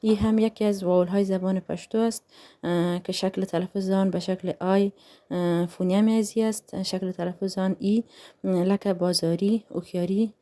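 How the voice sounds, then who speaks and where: A woman's voice: mid-range voice, dark tone. A woman teaching a language lesson, reading example words one at a time and explaining them with frequent fillers. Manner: reads each term slowly one by one, then translates with many fillers.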